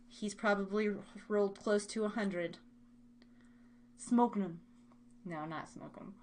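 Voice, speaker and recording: An American woman hosts a live online radio show and podcast, chatting with her listeners in a bubbly, rambling, informal way. Her voice sits at a medium pitch, with a faint hiss or hum in the background.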